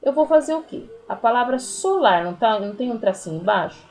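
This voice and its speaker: A woman's voice: on the high side, expressive, brisk, a little mellow, slight background noise, poor audio. A woman teacher with a Brazilian Portuguese accent, patiently explaining a lesson to young pupils, counting syllables aloud and using many diminutives. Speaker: primary school teacher. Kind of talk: recorded remote class lesson.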